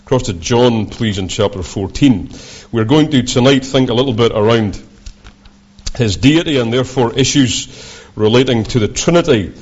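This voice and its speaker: A man with a broad Scottish accent preaching a sermon as a visiting preacher, in measured, deliberate, halting phrases. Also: mid-range voice, expressive, darkish tone. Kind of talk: sermon with scripture readings. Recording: dull, lo-fi sound.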